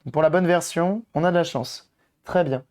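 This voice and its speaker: A hoarse man on a live stream, chatting casually with viewers and thinking aloud as he tinkers with electronics. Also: on the high side, moderate pace, darkish tone. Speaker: streamer doing electronics modding. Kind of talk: casual live-stream chat while working.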